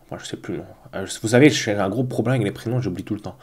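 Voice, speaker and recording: A man's voice: lowish voice, racing, slightly rough. A man with a stuffy, blocked-nose voice from a cold, chatting casually and a little hesitantly to camera as he hosts a food vlog at home. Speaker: host of a mukbang food review vlog.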